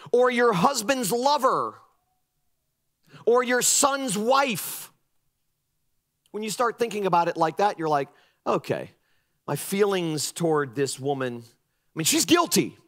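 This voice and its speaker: A middle-aged male pastor preaching a sermon in an emphatic, animated way, at times mocking the voices of his critics. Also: sits high, slow, pauses often.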